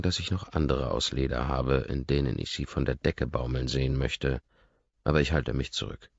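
A man narrating an audiobook in the first person, in a calm, measured reading that drops to a murmur. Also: extremely low pitch, gravelly, no echo, dull audio.

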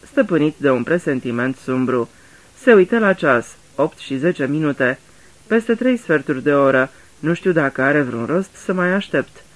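A man narrating a mystery in a radio drama reading, measured and even. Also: on the high side.

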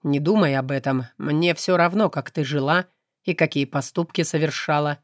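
A woman voicing a calm, aloof male demon in an audiobook, speaking in an unhurried, detached way. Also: sits low, no room sound, clean studio sound, close to an everyday voice. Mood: cool. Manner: unhurried, detached, flat delivery. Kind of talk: audiobook character reading.

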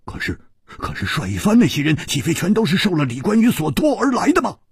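A male storyteller voicing a brash, boisterous young swordsman who shouts and stammers excitably. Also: high voice, brisk, breathy edge, dry recording, studio quality, pitched above the performer's own voice, exaggerated voice. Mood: puzzled.

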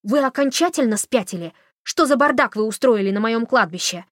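A woman voicing a blunt, dry-humored woman cemetery keeper, speaking flatly and curtly. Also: on the high side, fairly quick, no echo, voice pushed up, close to an everyday voice. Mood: stern. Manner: flat, bored, curt.

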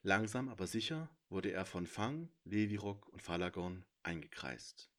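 A man narrating his own fantasy story in a measured storytelling manner. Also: low voice, animated. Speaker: author and narrator. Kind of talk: audiobook narration.

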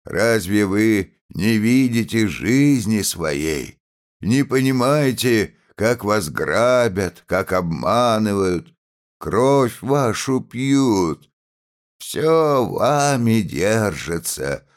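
A man voicing a defiant, beaten peasant who declaims to the crowd in a full, tight, ringing voice, slow and solemn. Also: lowish voice, lively intonation, voice pushed up.

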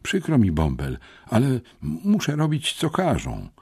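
A man reading an audiobook, voicing a hoarse, embarrassed teenage boy who calmly delivers gang threats. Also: medium pitch, measured pace, dry recording, clean studio sound, pitched above the performer's own voice, exaggerated voice. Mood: calmly menacing. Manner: calm, smoothly menacing. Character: hoarse, sly teenage schoolboy racketeer messenger.

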